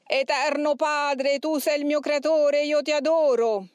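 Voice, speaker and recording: A woman's voice: high-pitched, fairly even intonation, measured pace, a little mellow, no echo, studio quality, voice pushed up. A woman voicing a raging male demon who screams, mocks and sobs with rage, read aloud from an exorcism account. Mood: forced.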